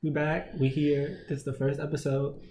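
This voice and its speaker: A man in his twenties co-hosting a podcast, chatting in an animated, joking way. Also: fairly high pitch, normal speed. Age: 20s. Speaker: podcast co-host. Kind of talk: casual chat. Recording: echoey room, faint background noise.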